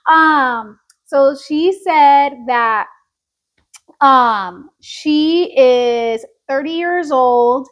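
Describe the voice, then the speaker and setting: A woman's voice: high voice, drawn-out words. A woman co-hosting a casual chat podcast, telling gossip and mixing Spanish words into her English. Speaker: podcast co-host.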